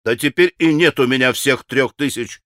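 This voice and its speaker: A man's voice: mid-range voice, moderate pace, a bit bright, dry recording, clean studio sound, natural voice. A man voicing a desperate young man in an audiobook, pleading and faltering.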